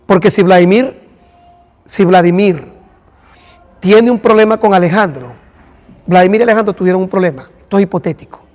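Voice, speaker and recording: A man's voice: high-pitched, moderate pace, pauses often, darkish tone, in a large hall. A man, a pastor teaching a church class and talking directly to listeners by name. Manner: addresses listeners by name, conversational.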